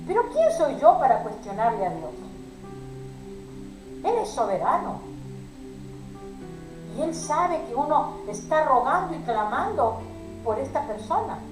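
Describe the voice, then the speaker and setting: A woman's voice: sits high, reverberant, poor audio. Woman preaching a pleading sermon. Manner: pleading, emotional preaching addressed to sisters.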